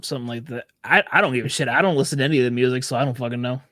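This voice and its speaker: A man's voice: mid-range voice, very fast, a bit bright, no echo. A young man co-hosting a podcast, joking and swearing in offhand casual chat. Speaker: podcast co-host.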